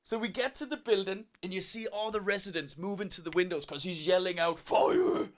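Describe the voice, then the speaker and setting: Animated man telling a stand-up story. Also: sits high, quick pace. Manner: animated, self-mocking, full of voices. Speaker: stand-up comedian.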